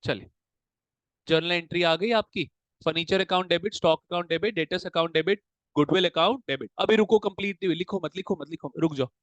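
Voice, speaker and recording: A man's voice: high-pitched, fairly bright tone, dry recording. A male accounts teacher, mixing Hindi and English while he drills a class with repeated questions. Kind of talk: classroom lesson.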